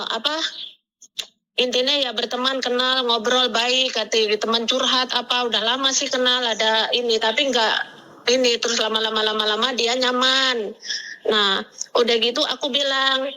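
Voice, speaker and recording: Bright-voiced middle-aged woman telling her troubles. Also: a little high, poor audio. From Indonesia. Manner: rambling, with many fillers and quoted dialogue. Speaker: caller sharing her story. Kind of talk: emotional personal confession.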